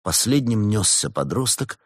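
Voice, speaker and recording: A man narrating a story as an audiobook in a lively storytelling manner. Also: on the low side, normal speed, husky, dry recording, clean studio sound.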